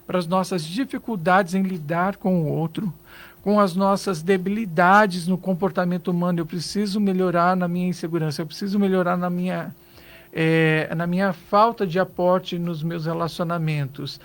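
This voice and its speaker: High-voiced Brazilian man giving earnest advice. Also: steady tone, moderate pace. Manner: earnest, advising, rhetorical questions. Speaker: psychologist guest. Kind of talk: radio interview advice. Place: radio studio.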